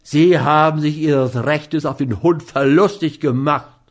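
A man's voice: a little high, measured pace. A man reading an audiobook, voicing a hot-tempered, commanding man who threatens and bullies. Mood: stern. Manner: forceful, threatening. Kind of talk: audiobook character voice.

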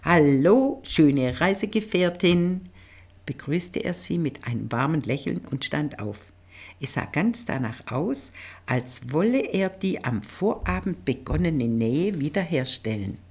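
A woman narrating a novel as an audiobook in an expressive storytelling manner. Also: low voice, unhurried, husky.

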